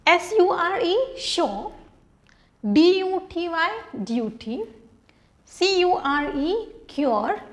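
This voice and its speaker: A woman's voice: very high voice, expressive, extremely slow. A woman with an Indian accent teaching an English phonics lesson in Hindi, spelling out letters one by one and then saying each word.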